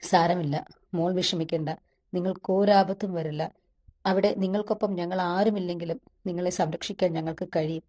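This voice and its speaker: A woman's voice: on the low side, steady tone, normal speed, mellow, close to an everyday voice. A woman voicing a protective young man who speaks to his sister in an anxious, reassuring way, in a storybook reading. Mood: worried, reassuring. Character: protective young man, caring older-brother type.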